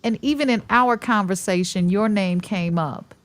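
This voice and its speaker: A woman's voice: medium pitch, normal speed. A woman hosting a talk show, chatting effusively with rambling, enthusiastic questions. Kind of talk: casual interview chat.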